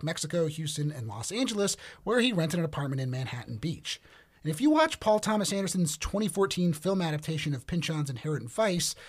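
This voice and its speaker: A man co-hosting a podcast, narrating from a script and explaining ideas in a measured way with hedging fillers. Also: fairly high pitch. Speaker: podcast co-host. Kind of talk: scripted narration with casual discussion.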